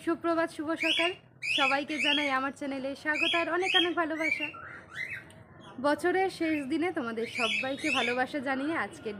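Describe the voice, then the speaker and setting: A woman with a Bengali accent chatting warmly to her viewers in a casual daily-life vlog, greeting them and narrating her day. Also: high voice. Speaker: vlogger. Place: home and village market. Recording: loud background noise.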